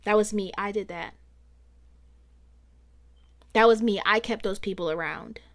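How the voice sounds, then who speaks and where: A woman works through her thoughts in a casual solo podcast, chatty and introspective, rambling with fillers. She talks at a measured pace with a medium pitch, her voice a touch strained from so much talking.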